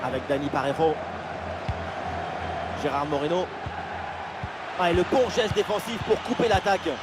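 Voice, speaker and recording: Over a loud stadium crowd, a male football commentator with a high-pitched voice. He delivers excited sports commentary for a video game, calling play in short bursts. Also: normal speed, over loud music. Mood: focused.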